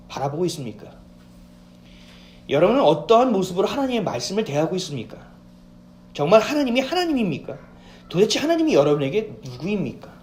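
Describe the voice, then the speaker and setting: Lively male pastor, sermon, echoey church sound. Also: sits high. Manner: animated preaching, acts out quoted voices, asks congregation questions. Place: church sanctuary. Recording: echoey church hall with faint ambience.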